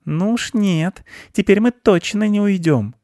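A big, bossy female shrew, voiced by a male storyteller, scolds in a high, shrill voice. She nags and lectures without letup. The recording is dry and close. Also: a little slow, a little mellow, no echo. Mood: scolding.

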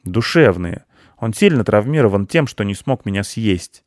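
A man's voice: lowish voice, animated, normal speed, no room sound, clean studio sound, voice pushed up, lightly acted. A man voicing a timid, boastful male hare with a lisp in an audiobook. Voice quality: lisping. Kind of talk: audiobook character voice.

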